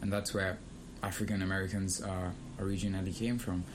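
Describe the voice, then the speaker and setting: A young man who grew up in Kenya, co-hosting a casual discussion and speaking in a thoughtful, measured way with pauses. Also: sits low, little pitch movement, background noise. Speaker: podcast co-host.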